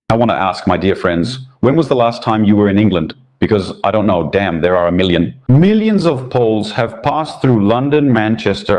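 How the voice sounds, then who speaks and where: Sarcastic and indignant, this man reads a scripted commentary monologue for his channel as a political commentator. He's a native Russian speaker with a lowish, dark-toned voice.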